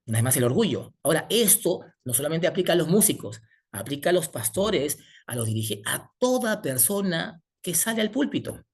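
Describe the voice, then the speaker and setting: A man's voice: a little high, big pitch swings, normal speed, husky. A man preaching a sermon, asking the congregation rhetorical questions as he teaches.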